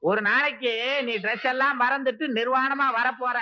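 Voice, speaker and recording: A man's voice: very high voice, fairly even intonation, normal speed, noisy background. An actor playing a fussy, blustering middle-aged headmaster and father in an old film comedy. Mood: fussing. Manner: scolding, fussy. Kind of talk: 1980s film comedy acting.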